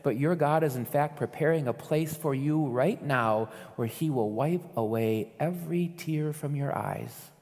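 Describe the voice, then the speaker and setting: A man preaching a sermon as pastor, earnest, rising to loud calls and dropping to soft pleas. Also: fairly high pitch, long reverb tail.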